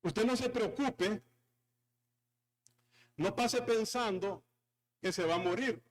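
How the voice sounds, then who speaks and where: High-pitched, slow-preaching pastor. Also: male voice. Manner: emphatic preaching with repetition and calls to the congregation. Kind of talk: sermon.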